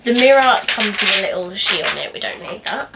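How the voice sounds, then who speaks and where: Here the same kind of speaker sounds animated and gravelly: a young woman, medium-pitched and fairly quick, slightly nasal as she recovers from a cold. Reviewing makeup in a small bedroom, she chats and rambles with frequent "um"s and false starts. She's far from the mic, and background noise is heavy.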